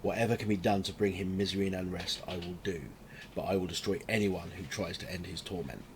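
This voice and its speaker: A man voicing a gaunt undead knight in a tabletop game, bitter and threatening, with a deep gravelly growl and solemn archaic speech. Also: fairly even intonation, fast talker, noisy background, close to an everyday voice. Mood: grim, vengeful. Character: gaunt undead knight revenant, embittered, doomed and vengeful.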